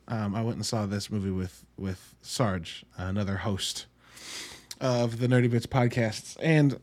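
A man's medium-pitched, slightly mellow voice carries this solo podcast, where he reviews a movie wryly and conversationally, with emphatic asides along the way.

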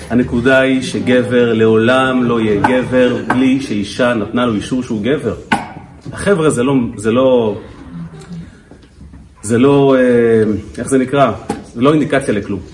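A man, a rabbi telling stories in a lively lecture to an audience and repeating words as he builds a point. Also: mid-range voice, long pauses, far from the mic, background noise.

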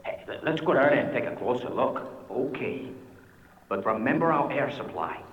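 A man's voice: mid-range voice, animated, normal speed, slight background noise, natural voice. Actor as echoey, eager greedy male diver. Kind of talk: 1960s puppet adventure series acting. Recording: dull, echoey, long reverb.

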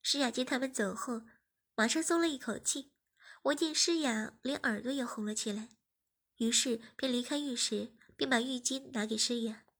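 High-voiced woman reading a story. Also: moderate pace, fairly bright tone. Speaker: story reader. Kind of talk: scripted narration.

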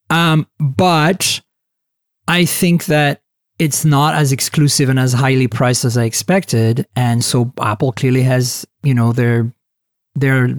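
A man hosting a casual tech podcast, talking in an animated, chatty way with lots of fillers and restarts. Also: mid-range voice, dry recording, clean studio sound. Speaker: podcast host.

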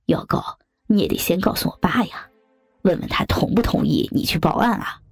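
A woman voicing a menacing, taunting young man in a dramatic audio story, with a low gravelly voice and mocking laughs. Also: expressive, moderate pace, soft background music, exaggerated voice. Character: menacing young adult son, leering and taunting.

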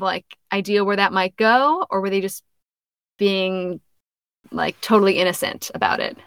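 Young woman, casual podcast chat, filler-heavy, fry in the voice, dry recording. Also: mid-range voice, fairly bright tone, dry recording. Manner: chatty, many "like" fillers, laughs often. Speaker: podcast co-host. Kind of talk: casual book discussion.

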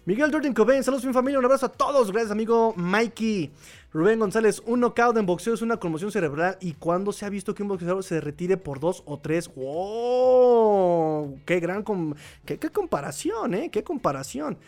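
A man's voice: high voice, lively intonation, fairly quick. A Mexican man hosting a live podcast, reading chat comments and giving opinions in a chatty, laughing way. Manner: chatty, opinionated, laughs often, repeats phrases. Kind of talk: casual live-stream commentary.

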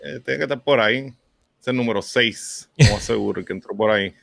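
A man's voice: mid-range voice, fast talker, creaky, fairly bright tone, no echo, clean studio sound. A man with a Puerto Rican accent co-hosting a casual livestream chat, laid-back with short replies. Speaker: podcast co-host.

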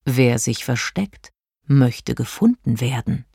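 A woman voicing a sleepy, wise old male moon in a storybook, slow and mysterious in manner. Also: very deep voice, slightly rough, no echo, studio quality, heavily acted. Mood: calm, mysterious. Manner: slow, calm, speaking in riddles. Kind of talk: audiobook character voice.

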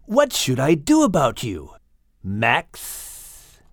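A man doing a sly, slow-drawling villain snake. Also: huge pitch swings, no echo, studio quality, heavily acted. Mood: gloating. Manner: slow, silky, mocking drawl with sweeping pitch. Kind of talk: storybook character voice.

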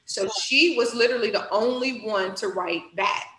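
A woman telling a personal story as an interview guest, animated, acting out her own reactions and laughing often. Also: moderate pace, reverberant, slight background noise, rough recording. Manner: animated, acts out her own reactions with big pitch jumps; laughs often while talking. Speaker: guest, youth literacy director.

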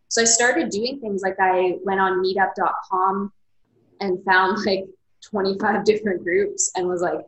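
During a relaxed interview conversation, a female author and coach speaks openly and thoughtfully, peppering her speech with "like." She has a mid-range voice, and the audio is poor with a roomy sound.

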